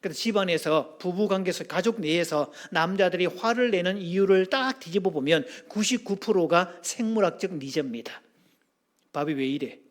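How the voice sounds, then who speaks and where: A pastor preaches in a high, bright-pitched voice. He keeps the sermon lively and humorous, and he throws questions out to the congregation as he goes. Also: brisk, few pauses. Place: church sanctuary.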